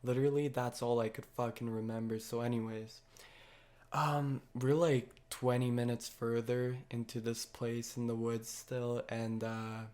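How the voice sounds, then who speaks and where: A man's voice: mid-range voice, little pitch movement, unhurried, a little mellow. A young man casually telling a story to his viewers, with heavy slang and constant swearing. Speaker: vlogger.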